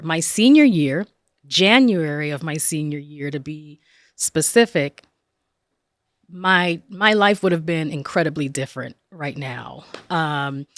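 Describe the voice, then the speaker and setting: A woman from northern New Jersey speaks in a somewhat low voice, thoughtful and unhurried, with frequent filler pauses as she tells her story. The recording is dry. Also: no echo. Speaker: guest. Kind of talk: interview storytelling.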